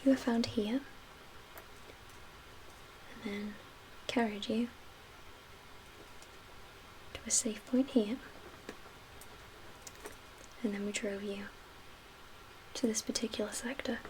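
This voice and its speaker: Whispering in a hushed, breathy way with measured pauses, a woman acts as a calm, wary survivor-camp medical official for ASMR roleplay. Her voice leans high. The audio is poor, with audible background hiss and ambience.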